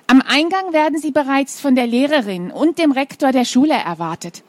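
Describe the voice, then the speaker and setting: A woman's voice: sits high, lively intonation, moderate pace, no echo. A woman reading a children's story aloud, adding informal asides to her young listeners.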